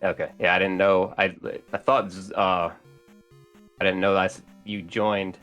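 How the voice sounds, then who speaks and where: Easygoing male guest, very low voice, relaxed post-race chat, faint music behind. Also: unhurried. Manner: easygoing, friendly, laughs often.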